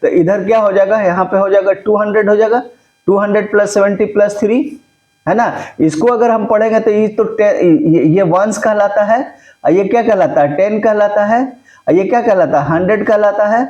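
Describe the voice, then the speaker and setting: High-voiced teacher, echoey room. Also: male voice, moderate pace, a little mellow, muffled recording. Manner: keeps checking if students follow; mixes Hindi with English terms. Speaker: maths teacher. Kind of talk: classroom maths lesson.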